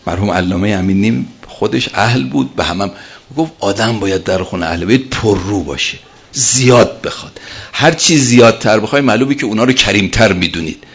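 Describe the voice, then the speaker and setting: A man's voice: lowish voice, animated. A man preaching a sermon and telling a story, emphatic and repeating his key phrases.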